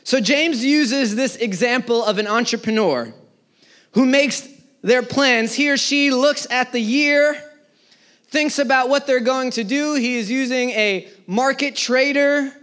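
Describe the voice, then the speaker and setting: A pastor in his thirties preaches a sermon to a live congregation during a church service. His voice is very high-pitched and his pace measured, rising in emphasis before dropping to quiet words at the ends of phrases.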